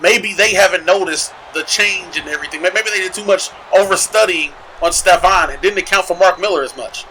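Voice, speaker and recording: A man adding color commentary to a wrestling match in a bright, forceful voice that sits a little high. He analyses strategy and tactics rather than just calling moves. Faint noise lingers behind him. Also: brisk, hardly any pauses, low-quality recording. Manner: analytical, breaks down the action. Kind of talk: live sports commentary.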